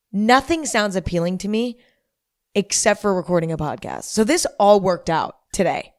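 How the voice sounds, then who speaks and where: Hungover female podcast host, young adult, rambling casually in a lowish register, close dry sound. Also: no echo. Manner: repeats herself for emphasis.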